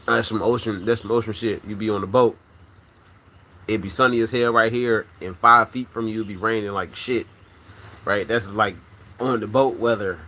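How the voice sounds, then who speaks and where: A man's voice: on the low side, fairly even intonation, normal speed, sharp tone. A man with a Virginia accent hosting a casual livestream, greeting chat by name and ranting loosely with lots of swearing, his speech a bit thick from a swollen wisdom tooth. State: swollen wisdom tooth, mouth not fully closing. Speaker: livestream host.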